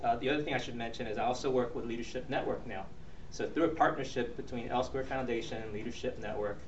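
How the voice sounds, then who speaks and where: A man's voice: medium pitch, fairly even intonation, fast talker. A middle-aged man, born in Taiwan and raised in the U.S., gives an earnest presentation to a church audience, with many ums and restarts. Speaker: ministry leader and speaker. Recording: roomy, distant, dull recording with faint noise.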